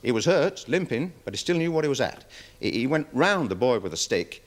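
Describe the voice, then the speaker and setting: An actor playing a nervous, deferential security guard testifying in a 1970s television courtroom drama, rambling with many fillers. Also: male voice, medium pitch, big pitch swings, brisk. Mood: worried, defensive. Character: nervous security guard witness, dog handler. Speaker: witness in court.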